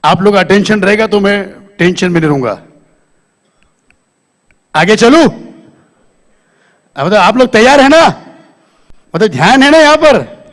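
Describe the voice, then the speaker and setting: A man's voice: high voice, expressive, unhurried, long pauses, a bit bright. A man doing live stand-up comedy on a stage, talking to the audience into a handheld microphone and quizzing them.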